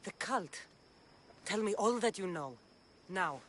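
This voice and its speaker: A woman's voice: medium pitch, animated, slow pace, a bit bright, a little hiss or hum. A woman voicing a tough, impatient female mercenary in a video game, with a curt, commanding way of talking. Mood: curt, demanding. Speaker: game protagonist.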